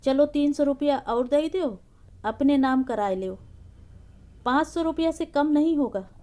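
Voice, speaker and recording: A woman's voice: sits high, a little slow, dark tone. Narrator puts on a scheming old aunt in her sixties, wheedling over money. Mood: coaxing. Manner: coaxing, bargaining.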